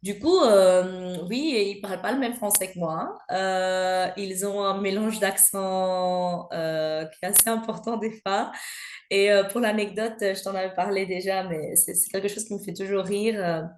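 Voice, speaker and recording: A woman's voice: medium pitch, unhurried, a little mellow, slight background noise. Hesitant Belgian woman, echoey room. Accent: Belgian French. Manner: hesitant, frequent filler sounds. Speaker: guest. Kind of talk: conversational interview. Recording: roomy echo.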